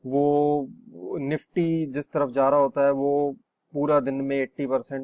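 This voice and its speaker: A man explaining intraday stock selection in a screen-share tutorial, pausing often with fillers and restarts. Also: mid-range voice, darkish tone, no echo. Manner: hesitant, many fillers and restarts. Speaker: trading instructor.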